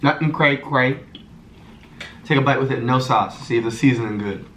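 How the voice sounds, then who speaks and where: Young man, food vlog co-host, laid-back and jokey, middle pitch, roomy echo. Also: normal speed, a bit bright. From Canada. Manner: laid-back, joking, laughs often. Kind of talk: casual food review vlog. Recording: echoey room, mic at a distance, faint noise.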